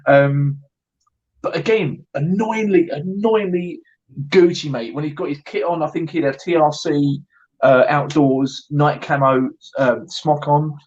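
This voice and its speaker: A man with a fairly high, husky voice talks in loose, sweary banter, cracking jokes and tripping over his words as he restarts. The sound is dull and muffled. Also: steady tone, measured pace. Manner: sweary, joking, stammers and restarts. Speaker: airsoft event organiser. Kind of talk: casual banter debrief.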